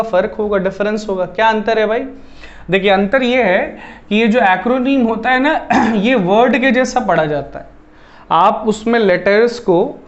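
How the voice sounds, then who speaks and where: A man with an Indian accent teaching English vocabulary, repeating himself often and calling his listeners "everyone". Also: sits high. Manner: repetitive, addresses listeners as "everyone", mixes Hindi and English. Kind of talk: classroom-style lesson explaining word roots. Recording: slightly dull, lo-fi audio.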